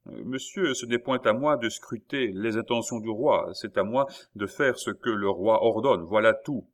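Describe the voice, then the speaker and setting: Un homme lisant un livre audio et faisant la voix d'un officier du palais, formel et ferme. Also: male voice, lowish voice, moderate pace, close to an everyday voice. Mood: inflexible. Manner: formal, firm, by-the-book. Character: stiff dutiful male palace officer.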